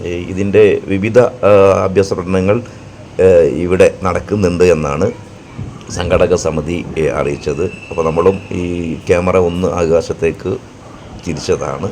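Very deep-voiced Malayali man, halting vlog narration. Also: steady tone, a little mellow. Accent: Kerala Malayali. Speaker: vlogger and narrator. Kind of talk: casual travel vlog narration. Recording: clear background noise, outdoor ambience.

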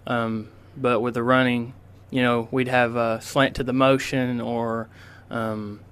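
A teenage boy, a high school football player answering interview questions politely, with lots of ums and uhs. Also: little pitch movement, takes it slowly, a bit bright, clear, resonant tone. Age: teens. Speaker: high school quarterback guest. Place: radio studio.

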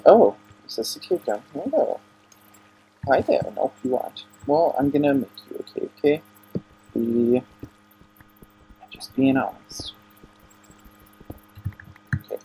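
Gravelly young man chatting through a game. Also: mid-range voice, warm tone, slight background noise. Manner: talks to himself and the game, easily annoyed, chatty. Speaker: gaming channel host. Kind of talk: casual gameplay commentary. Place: home. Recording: lo-fi home recording.

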